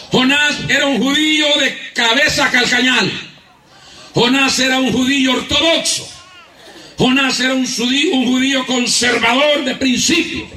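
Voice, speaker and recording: A man with a Honduran accent preaches a fervent evangelical sermon, emphatic and frequently laughing as he calls for praise and applause. His voice is extremely high-pitched, pushed, and bright. He is miked from a distance in an echoey church hall.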